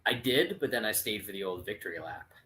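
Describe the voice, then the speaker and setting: A man in his late thirties co-hosting a casual podcast, relaxed and hesitant, with many fillers. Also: lowish voice, fairly quick, poor audio. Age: 30s. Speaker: podcast co-host.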